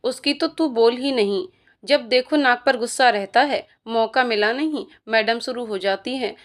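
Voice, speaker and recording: A woman's voice: a little high, normal speed, natural voice. A woman voicing a teasing young college guy who mocks the girls, in a storybook reading.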